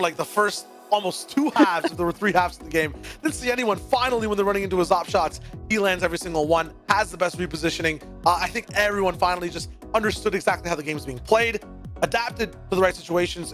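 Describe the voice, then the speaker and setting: A male esports caster with a high-pitched voice calls play-by-play over clearly audible music. His delivery is excitable and flowing, carrying the commentary along like a live match broadcast. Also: quick pace.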